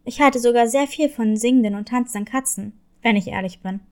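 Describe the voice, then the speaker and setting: A woman voicing a grumpy, suspicious male wolf in a children's story, speaking gruffly and loudly. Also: fairly high pitch, brisk, pitched below the performer's own voice, close to an everyday voice. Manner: gruff, growling, gets loud. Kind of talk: storybook reading.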